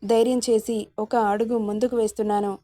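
A woman's voice: on the high side, flat delivery, brisk, warm tone, no room sound, clean studio sound, lightly acted. A woman voicing a hurt, fiery young wife who speaks in a pleading, reproachful way. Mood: determined.

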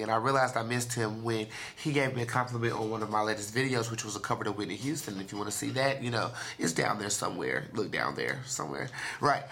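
A man's voice: medium pitch, gravelly, bright, forceful tone. Rambling, jokey man hosting. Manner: rambling and jokey, with puns and asides. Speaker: radio and video host. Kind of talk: casual motivational radio talk.

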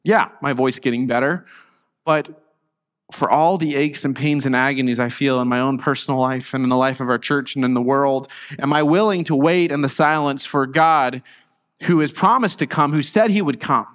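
A man's voice: mid-range voice, moderate pace, long reverb tail. A middle-aged male pastor preaching a conversational sermon, his voice recovering after being lost. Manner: earnest, conversational preaching with restarts. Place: church sanctuary.

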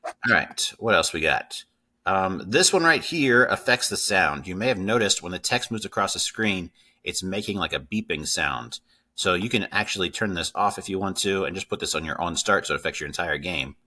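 A coding teacher in his thirties, with a low, sharp-toned voice and lively intonation, walks through an informal step-by-step screen tutorial at a moderate pace. Sitting indoors at a computer, he keeps checking in with the listener using "right?" and "okay?".

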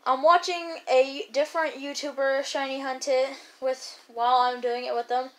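A woman giving casual gameplay commentary as a YouTuber, rambling and chatty with excited bursts. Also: high voice, moderate pace. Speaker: gaming YouTuber.

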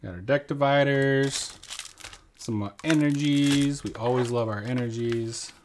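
A playful, jokey dad in his thirties with a middle-pitched voice, chatting with his son while opening card packs at home. The recording has a faint hiss of background noise. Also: unhurried. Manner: playful, jokey, silly sing-song bits. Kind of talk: casual family unboxing chat.

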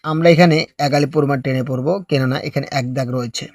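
A man teaching recitation step by step, explaining slowly and patiently before drawing out each phrase in a melodic chant. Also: mid-range voice, steady tone, a little mellow, no echo, clean studio sound.

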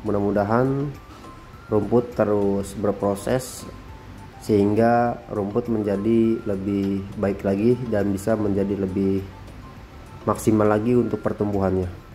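A man narrating his drone footage as a voice-over, calm and unhurried, often tagging sentences with a soft "ya". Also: on the low side, faint music behind. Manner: calm, repeats phrases, frequent tag "ya". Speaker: drone vlogger.

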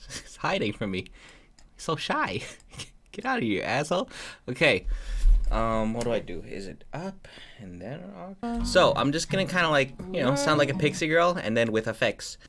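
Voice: mid-range voice, big pitch swings, moderate pace. A music producer in casual studio chat with viewers, loose and chatty, full of likes and small laughs.

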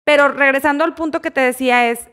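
A middle-aged woman, chatting casually as a podcast host and telling stories loudly. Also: high-pitched, fast. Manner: loud, animated storyteller. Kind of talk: casual chat.

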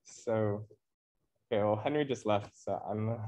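A man's voice: fairly low pitch, moderate pace, warm tone. A young man from California, the club's co-president, presenting at a meeting in a rambling, upbeat way full of fillers. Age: young adult. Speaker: club co-president. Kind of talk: casual club meeting talk.

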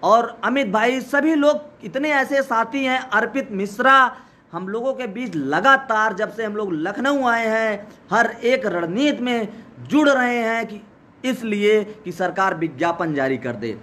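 Hoarse from days of shouting, a protest organizer addresses a crowd outdoors in a very high, bright and strained voice. His delivery is unhurried with lively intonation, yet urgent and insistent as he repeats one call again and again.

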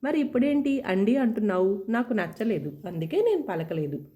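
A playful young husband who teases his new wife and reassures her, as a woman narrator voices him. The delivery is mellow and warm, lively in pitch, easygoing and fond. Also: a little fast, lightly acted. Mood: teasing. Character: young man, doctor, teasing and caring husband.

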